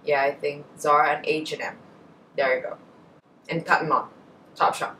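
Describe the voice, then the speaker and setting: A young Indonesian woman vlogs about beauty from her bedroom, casually answering a tag in an Indonesian accent, correcting herself and slipping into side comments. She talks at a normal speed in a low, fairly bright voice with fairly even intonation. Despite the camera being a short distance in front, the rough recording sounds distant, with slight background noise.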